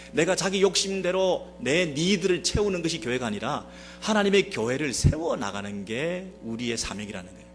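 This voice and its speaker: A man's voice: fairly high pitch, a bit bright. A Korean man preaching a Sunday sermon as a pastor, speaking straight to the congregation with many rhetorical questions. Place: church sanctuary.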